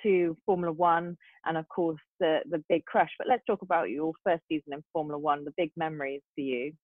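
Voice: medium pitch, fairly even intonation, a little fast, no echo. An interviewer chatting casually and putting questions to a guest in a conversational way. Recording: dry, narrow phone-like call sound.

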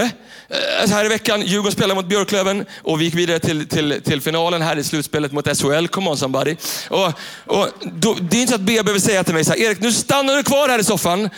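A man from Sweden preaching a sermon on a church stage. He is animated and swings between loud urgency and hushed intensity. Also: on the high side. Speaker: pastor. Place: church stage filmed by several cameras.

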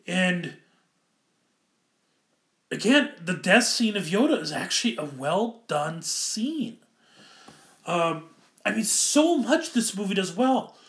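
A man's voice: high-pitched, very animated, takes it slowly, long pauses, a bit bright, echoey room. A man giving casual, enthusiastic film commentary, rambling and often correcting himself mid-sentence. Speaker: film reviewer.

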